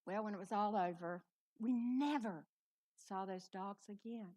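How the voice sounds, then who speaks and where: A middle-aged woman storyteller on a live festival stage, telling a personal story in an animated, dramatic way. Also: mid-range voice, unhurried.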